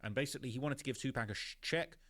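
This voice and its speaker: A man's voice: mid-range voice, racing, fairly bright tone, dry recording. A man narrating a story in a conversational way, with many "you know" and "basically" fillers. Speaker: YouTube narrator.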